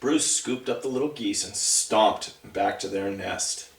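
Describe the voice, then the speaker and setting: The reader here is a man with a lowish, gravelly voice, going a little slowly through a picture book for young children with conversational asides and questions. The mic is distant, producing a roomy echo, and there's slight background noise.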